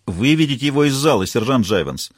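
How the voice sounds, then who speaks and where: A man's voice: mid-range voice, animated, brisk, no room sound, clean studio sound, close to an everyday voice. A man voicing a stern male judge who gives curt orders in a courtroom, in an audiobook. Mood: commanding. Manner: commanding, curt.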